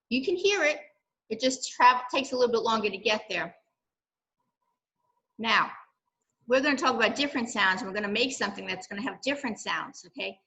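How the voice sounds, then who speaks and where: Bright-voiced older woman teaching children. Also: a little high, rough recording. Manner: gentle, explaining with frequent "okay" and "right". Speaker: library science program leader. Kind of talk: children's science lesson.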